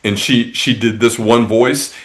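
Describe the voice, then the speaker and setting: A man's voice: mid-range voice, steady tone, unhurried, rough recording. A man talking as a tourism industry guest in a casual interview, rambling along with many restarts and fillers.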